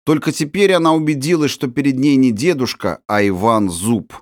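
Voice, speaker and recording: Man narrating an audiobook, middle pitch, dry close sound, pretty expressive. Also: normal speed, dry recording. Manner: expressive, acting out the story's tension. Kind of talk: scripted narration.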